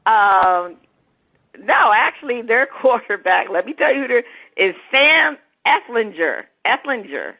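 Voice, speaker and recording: A woman's voice: fairly high pitch, very animated, a little slow. Chatty woman sports host on a phone line. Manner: chatty, laughs easily, searches for names aloud. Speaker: sports talk show host. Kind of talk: casual sports talk. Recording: phone-like narrow sound.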